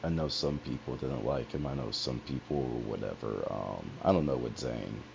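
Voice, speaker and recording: Very deep gravelly man, rambling. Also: normal speed. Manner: rambling and profane, with frequent asides. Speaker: streamer. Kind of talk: casual personal storytelling on a livestream. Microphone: headset. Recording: dull lo-fi headset audio with faint hiss.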